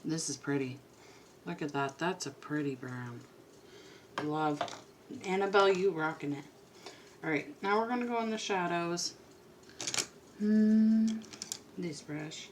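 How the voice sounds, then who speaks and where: Here a woman with a lowish voice speaks a little slowly and pauses often, over background noise. She's a beauty vlogger chatting and rambling casually as she does her makeup at home, quiet at times.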